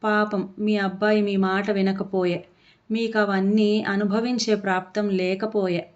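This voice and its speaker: A woman's voice: medium pitch, flat delivery, measured pace, lightly acted. A woman voicing a firm, blunt young daughter-in-law in a storybook reading. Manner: blunt, cutting. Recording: dull lo-fi audio.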